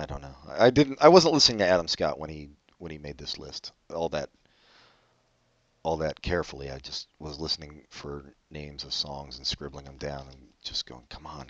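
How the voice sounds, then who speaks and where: A podcast co-host rambles loosely through a casual chat about music, his animated voice jumping up and dropping off in pitch and volume. He talks at a moderate pace, and the recording is dry with the highs cut off.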